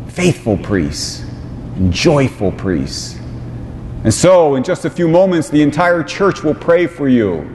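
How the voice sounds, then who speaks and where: Slow-preaching bishop in a reverberant cathedral. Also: male voice. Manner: slow, measured delivery with warm asides. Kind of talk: homily. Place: large cathedral sanctuary. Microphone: small lapel mic on vestments. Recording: long cathedral reverb, faint rumble.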